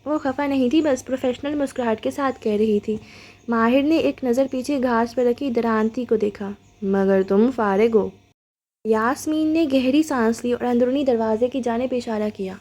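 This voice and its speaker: A woman narrating a novel as an audiobook reader, in a steady, even storytelling manner. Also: a little high.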